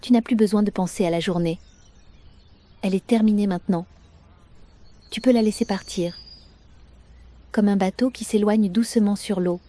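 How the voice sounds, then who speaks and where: A woman narrates a guided bedtime sleep story in a soft, gentle, soothing manner, unhurried and with long pauses. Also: mid-range voice, steady tone.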